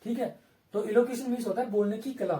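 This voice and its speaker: Male exam-prep tutor, Indian English accent, high mellow voice, repetitive drilling delivery, roomy recording from a distance. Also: quick pace. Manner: repetitive, asks and answers his own questions. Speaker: English vocabulary teacher.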